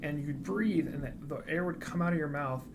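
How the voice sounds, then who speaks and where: A man's voice: fairly high pitch, normal speed, vocal fry, noisy background. A man co-hosting a casual reaction livestream, chatty and joking as he reads viewer comments aloud. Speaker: reaction channel co-host.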